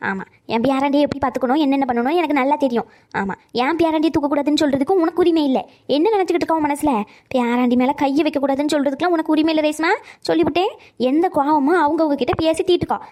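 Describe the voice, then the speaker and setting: A woman's voice: sits high, rapid-fire, a little mellow, natural voice. A woman doing a bossy grandma. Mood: scolding. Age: older. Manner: scolding, bossy, coos at grandson. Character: bossy old grandmother, sharp-tongued and doting. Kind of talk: cartoon voice acting.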